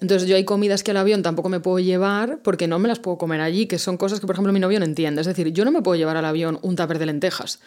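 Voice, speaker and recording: A woman who works as a flight attendant, a guest in a casual interview, telling stories about her work in a chatty, animated way. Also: fairly low pitch, racing, few pauses.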